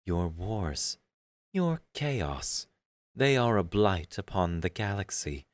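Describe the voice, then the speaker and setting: A man's voice: sits low, big pitch swings, slow, dry recording, voice pushed up, heavily acted. A man voicing a merciless alien avatar, speaking with precise mechanical coldness in an audiobook story. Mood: cold menace.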